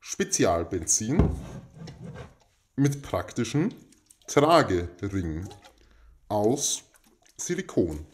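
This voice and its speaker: Slow, deep-voiced man making a pompous giveaway announcement. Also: a little hiss or hum. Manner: pompous, stilted, deadpan. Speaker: host of a giveaway. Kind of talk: mock-formal giveaway announcement. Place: indoors in a home.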